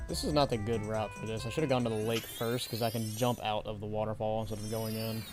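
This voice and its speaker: A person chatting casually on a game stream, expressive and quick to yell at the game. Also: mid-range voice. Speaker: streamer, co-player. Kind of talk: casual gaming chat. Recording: game music behind. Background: game music.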